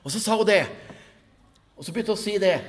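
A man preaching a Pentecostal testimony sermon, fervent, shouting hallelujahs and laughing at himself. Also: high voice, big-room sound.

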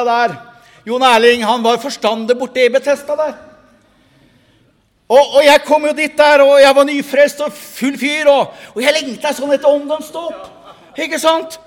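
A fervent man gives a Pentecostal testimony from the pulpit, his voice sitting very high. He swings between shouted hallelujahs and chuckling asides. Long reverb rings around him from the hall. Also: fairly even intonation. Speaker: preacher.

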